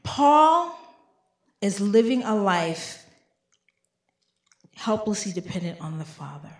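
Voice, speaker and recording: A woman's voice: medium pitch, sing-song, slow pace, echoey room. A woman giving a sermon, reading scripture aloud with emphatic, rising delivery on repeated lines. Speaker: preacher.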